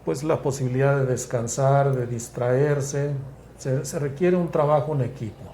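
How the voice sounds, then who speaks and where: A man, a psychiatrist guest explaining things in a measured, step-by-step way with frequent restarts. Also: mid-range voice, steady tone, dark tone, a little hiss or hum. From Mexico. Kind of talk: explanatory interview talk.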